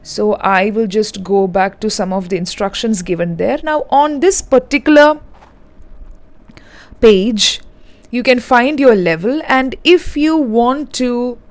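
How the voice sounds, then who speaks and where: A woman's voice: fairly high pitch, slow pace. A woman giving an online lesson in a direct, instructive, step-by-step manner. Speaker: English teacher.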